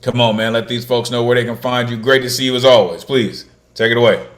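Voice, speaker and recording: A man's voice: medium pitch, fairly even intonation, normal speed. A man hosting an online open mic over a video call, introducing the next poet with encouraging hype-man patter. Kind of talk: casual hosting banter.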